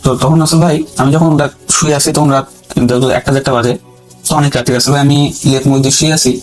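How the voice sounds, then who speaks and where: A man's voice: mid-range voice, steady tone, very fast, rough recording. A man, a caller telling his own story in casual, rambling speech that repeats phrases and keeps turning to the host. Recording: music playing under the voice.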